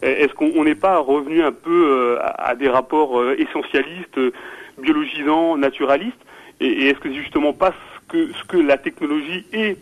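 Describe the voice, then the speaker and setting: A man's voice: on the high side, moderate pace. A man calling in by phone to a radio show, asking earnest, intellectual questions with many restarts and repeated words. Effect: caller heard over a phone line on a radio show.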